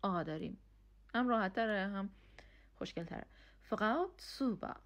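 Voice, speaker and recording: A woman's voice: medium pitch, muffled recording. A woman, teaching German in a casual lesson and explaining each phrase step by step. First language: Persian. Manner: explains step by step, checks in with "okay?".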